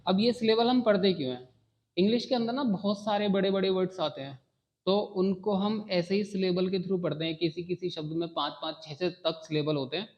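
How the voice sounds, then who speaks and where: A man's voice: high voice, muffled recording. A man teaching a beginner phonics lesson, repeating key phrases and checking in often with his students.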